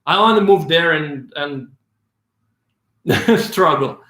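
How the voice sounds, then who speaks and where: Answering viewers in a live Q&A, this young filmmaker from Romania rambles casually in a Romanian accent, restarting often, laughing and swearing. His slightly high, fairly bright voice is slow with lively intonation, and the sound is roomy.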